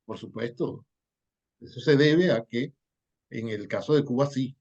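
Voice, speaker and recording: A man's voice: mid-range voice, measured pace, darkish tone, dull audio. A man giving an online lecture over a video call, digressive and full of fillers and self-corrections. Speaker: Spanish language history lecturer.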